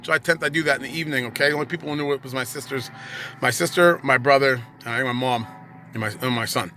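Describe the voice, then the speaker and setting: A man's voice: medium pitch, fast, bright, forceful tone, faint music behind. A man telling his own story straight to camera, indignant and sarcastic, venting with sudden heated bursts.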